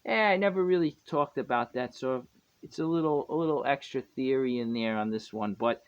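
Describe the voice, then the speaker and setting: A man gives a casual, rambling guitar lesson, often correcting himself and chuckling. His voice is medium-pitched and fairly quick, and the dull lo-fi recording includes guitar playing.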